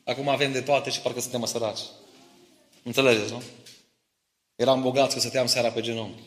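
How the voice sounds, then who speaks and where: A middle-aged man delivers a sermon at a medium pitch. He moves between family stories and scripture and keeps turning to the congregation for agreement. His voice echoes through a reverberant church hall. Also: flat delivery. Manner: personal stories mixed with Bible teaching, asks listeners for agreement. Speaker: preacher.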